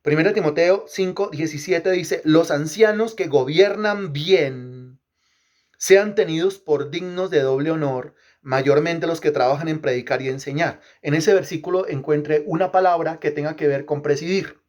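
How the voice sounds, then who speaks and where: A man's voice: fairly high pitch, normal speed, darkish tone. A man preaching a teaching sermon, asking the congregation questions and repeating phrases for emphasis. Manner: emphatic, rhythmic repetition. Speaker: pastor.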